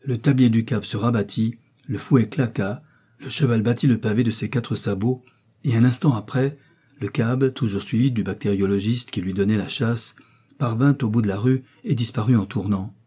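Male audiobook narrator with a dark husky voice. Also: lowish voice, moderate pace.

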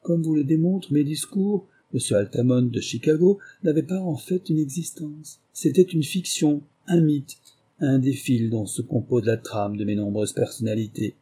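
A man reading aloud, voicing a sly, confident male English detective in a lively, ironic manner. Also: normal speed, husky, natural voice. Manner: higher, lively, ironic delivery.

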